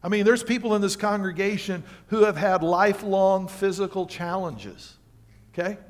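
Preaching man, pitched a little high. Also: moderate pace. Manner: reads scripture aloud and comments on it, swinging from quiet to loud emphasis. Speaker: pastor. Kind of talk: sermon. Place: church sanctuary.

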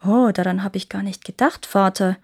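A woman's voice: medium pitch, fairly even intonation, normal speed, a little mellow, slightly rough. A woman voicing an earnest young male prince.

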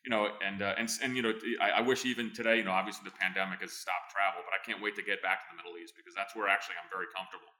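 Greek-born and New Jersey-raised, this former intelligence officer in his fifties answers interview questions in a chatty way. He talks very fast, restarting often and leaning on fillers, his voice lowish and bright as he spins energetic stories.

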